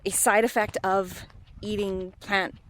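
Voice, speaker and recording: A woman's voice: mid-range voice, level tone, a little slow, fairly bright tone. A middle-aged woman talking casually and candidly in a rambling personal vlog, often questioning herself with emphasis, recorded on a handheld phone. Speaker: vlogger. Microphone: handheld phone at arm's length.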